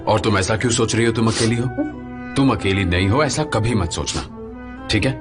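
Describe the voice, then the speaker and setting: A man playing a calm, gentle young man. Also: lowish voice, a little fast, lightly acted. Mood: reassuring. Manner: soothing, reassuring, steady. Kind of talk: dubbed TV drama acting. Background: music score.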